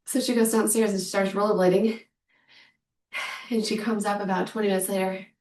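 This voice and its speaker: A woman's voice: mid-range voice, level tone, brisk, darkish tone. A woman in her thirties leading a live home workout, counting reps and cheering the viewer on. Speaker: fitness instructor. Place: room at home. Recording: echoey room from far off.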